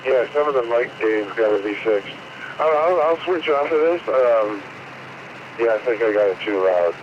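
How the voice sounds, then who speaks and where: A man's voice: medium pitch, expressive, normal speed, dull audio, noisy background. A man chatting casually on an amateur radio net. His voice comes through robotic and metallic over the digital link, with loose, filler-heavy talk. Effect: robotic, metallic digital radio audio.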